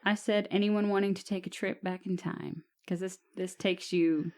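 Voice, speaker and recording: A woman's voice: medium pitch, fairly even intonation, moderate pace, darkish tone. A woman in her late twenties co-hosting a podcast, chatting casually with playful teasing. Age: 20s. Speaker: podcast co-host.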